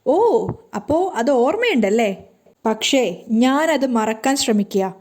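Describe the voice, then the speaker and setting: A woman voicing a sharp-tongued young wife who stages a ruse, teasing at first and then cold and defiant, in a storytelling reading. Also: sits high, animated, measured pace. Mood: bitter.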